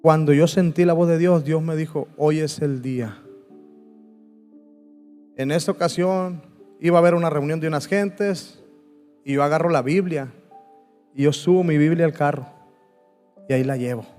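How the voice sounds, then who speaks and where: A man giving an impassioned testimony sermon, swinging from loud pleading to hushed tones. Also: on the high side, moderate pace, pauses often. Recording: long hall reverb with soft music.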